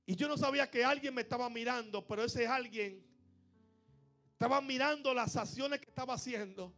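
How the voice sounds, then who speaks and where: A male pastor preaching a sermon in a church, telling a story and building to loud, fervent passages. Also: very high voice, fairly quick, faint music behind.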